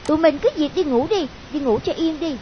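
A man's voice: extremely high pitch, brisk, pitched above the performer's own voice. A man doing a blunt bossy young woman friend. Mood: scolding. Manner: brash, scolding, coaxing. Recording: dull lo-fi audio with hiss.

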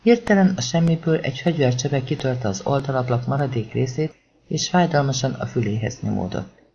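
A man's voice: mid-range voice, lively intonation, gravelly, a little mellow, a little hiss or hum. A man reading a crime thriller audiobook aloud in a tense, dramatic storytelling manner. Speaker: audiobook narrator. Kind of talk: scripted audiobook narration. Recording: dull lo-fi recording.

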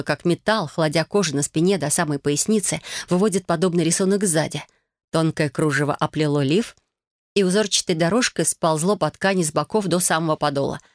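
An audiobook narrator reading a fantasy novel in the first person, with even storytelling. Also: mid-range voice, no room sound, studio quality.

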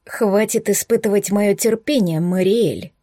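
A woman voicing a strained, brooding male coral dragon prince who speaks slowly and low. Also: mellow, dry recording, clean studio sound, natural voice. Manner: slow, low, groaning delivery.

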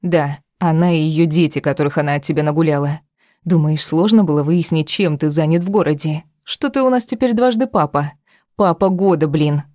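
A bitter, tearful wife from an audiobook pleads and spits venom, as a woman reader plays her. Her voice is low and mellow. The sound is dry and close. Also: moderate pace, dry recording, lightly acted. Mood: spiteful pleading. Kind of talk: audiobook character reading.

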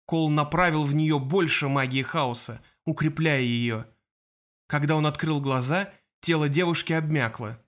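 A man reading a fantasy audiobook in a measured, expressive narration. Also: a little high. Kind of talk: scripted narration.

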